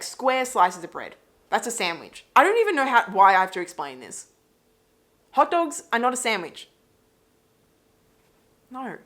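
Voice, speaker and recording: A woman's voice: mid-range voice, fairly bright tone. A woman in her thirties from Britain hosting a casual sit-down Q&A for her channel, rambling in a chatty way with lots of "like" fillers. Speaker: YouTube reaction channel host.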